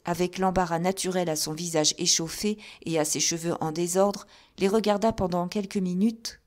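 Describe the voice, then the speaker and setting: A woman narrating an audiobook of a classic novel in an even, measured storytelling manner. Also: lowish voice. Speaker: audiobook reader.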